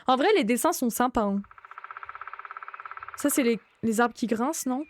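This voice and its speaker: A woman's voice: a little high, moderate pace, slight background noise. A young woman streaming a horror game live, chatting casually, greeting viewers by name and swearing now and then. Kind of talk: live gaming stream commentary.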